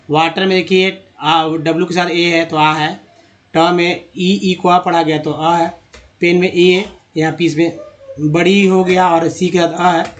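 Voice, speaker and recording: A man teaching English reading, slowly and patiently sounding out words one by one. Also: a little high, a bit bright. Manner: slow, patient word-by-word drilling.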